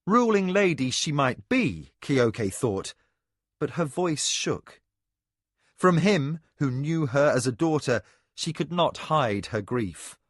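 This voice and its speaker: A man narrating a fantasy audiobook in an expressive storytelling manner. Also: a little high, slow pace, dry recording, studio quality. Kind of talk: scripted narration.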